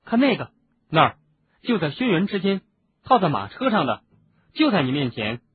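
A man's voice: a little high, sing-song, normal speed, slightly rough, no room sound, voice pushed up, exaggerated voice. A man voicing an earnest, impatient teenage boy in an audiobook, speaking in an urgent, insistent way. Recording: narrow phone-like sound, faint hiss.

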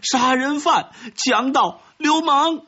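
A man voicing a small, stubborn male insect hero who shouts and pleads in a high, strained voice. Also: slow, dull audio, exaggerated voice. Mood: outraged.

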